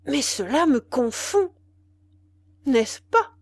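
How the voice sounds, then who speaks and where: Vain fop officer, chattering and boastful, storybook reading, woman narrator voicing him, slow and dry. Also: high voice, expressive, no room sound, pitched above the performer's own voice, heavily acted. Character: vain foppish young male officer.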